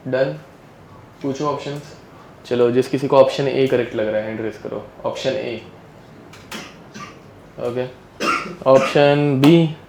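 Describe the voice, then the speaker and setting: A man's voice: medium pitch, darkish tone, slight background noise. A male chemistry teacher giving a casual live classroom lecture, mixing English terms into his speech and often checking that students follow. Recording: echoey classroom with faint ambience.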